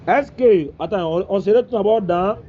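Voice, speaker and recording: A man with a high voice argues in a religious debate, repeating words and talking over the other side. The audio is muffled and lo-fi, with loud noise behind him. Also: normal speed. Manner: repetitive, talks over others.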